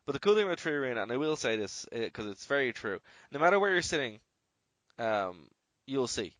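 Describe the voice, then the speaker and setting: A man's voice: mid-range voice, big pitch swings, fairly quick, a bit bright, dry recording. An Irish man hosting a podcast, chatting casually and rambling with lots of "you know". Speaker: podcast host.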